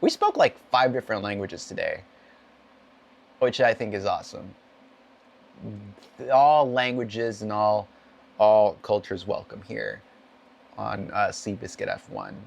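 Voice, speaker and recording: A man streamer with a hoarse voice and a cough, rambling in upbeat, self-deprecating chat as he wraps up a racing stream from his home gaming setup. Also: fairly low pitch, steady tone, a little slow, pauses often. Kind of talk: casual end-of-stream chat.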